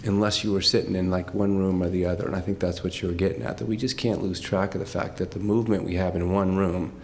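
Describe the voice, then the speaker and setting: An older man speaks at a tribute event in a somewhat low voice, moved close to tears. He stops and restarts often, laughing through the emotion. A faint hum of room sound sits behind him. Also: little pitch movement, fast talker. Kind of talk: heartfelt off-the-cuff remarks.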